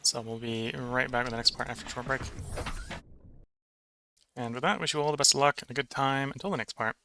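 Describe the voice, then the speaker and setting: A man giving casual gameplay commentary as he plays, thinking aloud in a halting way. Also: mid-range voice, sharp tone, slight background noise. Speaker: host of a blind video game playthrough.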